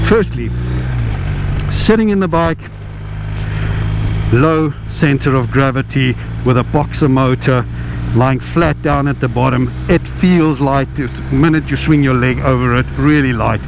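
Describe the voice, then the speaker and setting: A man giving a ride-and-review commentary from inside a helmet while riding, explaining things in short phrases. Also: a little high. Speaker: motorcycle reviewer. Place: riding a motorcycle outdoors. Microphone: inside a motorcycle helmet. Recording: mic inside helmet, clear vehicle noise. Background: vehicle and road noise.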